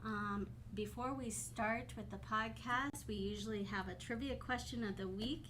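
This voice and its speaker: A woman with a fairly high voice reads the podcast introduction and then chats along, laughing easily. Faint noise runs under her voice. She keeps things moving between the guests. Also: normal speed, fairly bright tone. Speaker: podcast co-host. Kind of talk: scripted introduction and casual chat.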